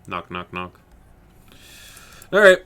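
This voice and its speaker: A man streaming a video game, reading its story aloud with playful quick asides. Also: low voice, very animated, sharp tone, smooth.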